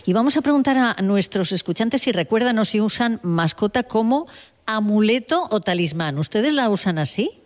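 A woman hosting a radio show, lively and encouraging as she steers the talk. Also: mid-range voice, normal speed. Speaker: radio host. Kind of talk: radio chat.

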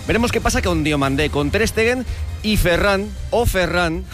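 Brisk radio sports host, man. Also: high voice, expressive, fairly bright tone, soft background music. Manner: brisk presenter delivery.

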